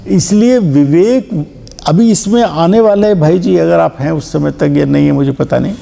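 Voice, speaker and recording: A man giving a scripture discourse in a hall, explaining slowly with examples and stressing key words. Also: a little high, creaky, mellow. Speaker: scripture teacher.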